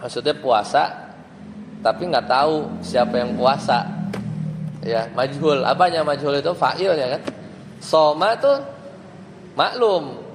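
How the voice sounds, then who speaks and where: Slow, patient male Islamic teacher in a hall. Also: a little high. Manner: explains step by step, asks the class questions. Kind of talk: Arabic grammar lesson. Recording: long hall reverb, faint ambient noise.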